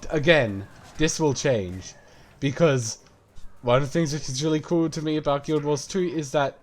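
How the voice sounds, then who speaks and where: A man's voice: on the high side, normal speed. A man casually explaining a game while playing it, rambling and swearing as he talks. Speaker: game streamer. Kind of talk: gameplay commentary.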